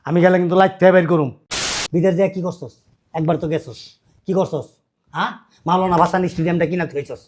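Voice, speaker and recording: An actor playing a loud middle-aged father-in-law who keeps berating his idle son-in-law. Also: high voice, a little hiss or hum, lightly acted. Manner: shouting, berating, repetitive rants.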